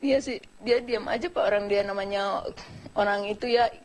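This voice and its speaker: A woman's voice: mid-range voice, steady tone, moderate pace, a little mellow. Woman telling her story in plain chat. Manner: plain colloquial speech, retells events with quoted dialogue. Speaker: interviewee, mother of a detained man. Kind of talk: field interview. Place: small home, indoors.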